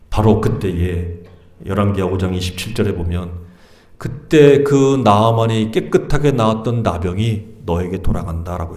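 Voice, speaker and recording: A man's voice: medium pitch, darkish tone. A male pastor delivers a dramatic Korean sermon, asking question after question and retelling the story with vivid flair. His voice sits in a middle range. The sound rings through a roomy church sanctuary.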